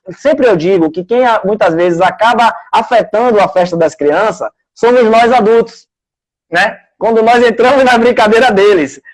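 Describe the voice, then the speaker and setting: A man's voice: sits high, low-quality recording. A man with a Brazilian Portuguese accent, a sports coach speaking in a live interview, earnest and conversational as he tells anecdotes and acts out what people said.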